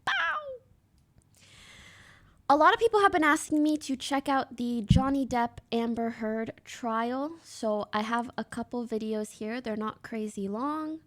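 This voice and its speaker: Woman streamer, fairly high voice, blunt, casual chat, from Canada. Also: unhurried. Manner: blunt, chatty, reads chat aloud. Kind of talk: casual live-stream chat reacting to clips.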